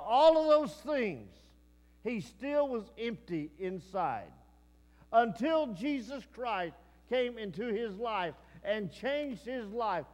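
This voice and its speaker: A man's voice: extremely high pitch, darkish tone, big-room sound, muffled recording. A man from Texas, preaching a folksy, conversational sermon and often turning to the congregation with questions. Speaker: pastor.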